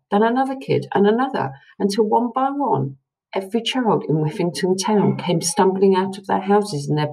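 A woman reading a children's book aloud to listeners with expressive storytelling. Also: mid-range voice, slightly rough, low-quality recording.

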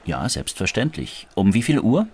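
Male hotel desk clerk, slightly low voice, animated intonation, helpful, courteous, language-course dialogue. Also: moderate pace, husky, exaggerated voice.

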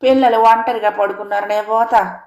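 A woman voicing an elderly mother-in-law who dotes on her sons, speaking slowly and drawn out in a chiding tone. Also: mid-range voice, steady tone, a little mellow, echoey room, pitched above the performer's own voice, natural voice. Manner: slow, drawn-out, scolding tone.

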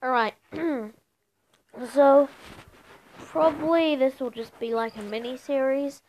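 A woman giving casual commentary over a mobile game, chatty and prone to mumbling with excitable reactions. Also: sits high, slow, slight background noise, low-quality recording. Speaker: gameplay video creator.

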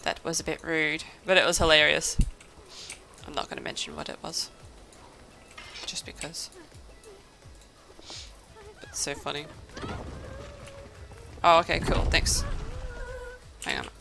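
A woman's voice: low-pitched, fairly even intonation, slow, creaky, pauses often, music in the background. A young woman chatting casually while playing an online game with friends, laughing often and easily amused, speaking close to her microphone. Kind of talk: casual gameplay chat. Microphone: close desk mic.

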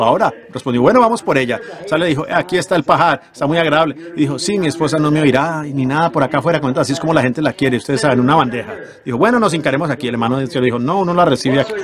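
A man preaches through a sermon in a somewhat high voice, pressing the congregation with rhetorical questions. The clear sound of a congregation runs behind him, from an old sermon tape. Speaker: simultaneous interpreter of a sermon. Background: congregation in a church.

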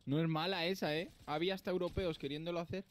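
A laid-back man tosses quick remarks into a gaming chat. His voice sits fairly high. The sound is dry and close, with no room around it. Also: fairly even intonation, no room sound.

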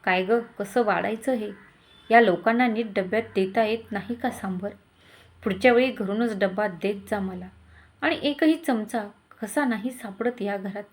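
A woman's voice: medium pitch, moderate pace, close to an everyday voice. A woman voicing a grumbling but doting old grandfather in a story.

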